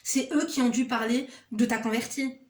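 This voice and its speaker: A woman's voice: a little high, steady tone, moderate pace, roomy sound. A woman vlogger giving relationship advice, reading out a viewer's story and cutting in with sassy, sarcastic, teasing asides.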